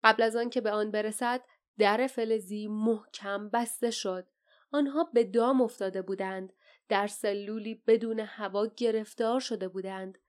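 A woman narrating an audiobook in a steady, dramatic storytelling manner. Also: on the high side. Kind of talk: scripted narration.

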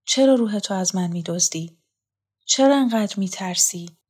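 A woman's voice: mid-range voice, a little mellow, husky, lightly acted. A woman voicing a yearning, fervent young man in love, with an earnest, pleading delivery in a storybook reading.

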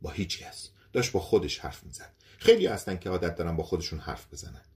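A man voicing a calm husband who reassures his wife, in an audiobook story. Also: deep voice. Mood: reassuring.

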